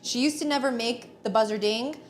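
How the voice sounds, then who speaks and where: A woman's voice: fairly high pitch, a little fast, slight background noise. Chatty woman baking at home. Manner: chatty, playful, talks to viewers. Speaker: home baker, co-host. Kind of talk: casual kitchen chat on a livestream. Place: home kitchen.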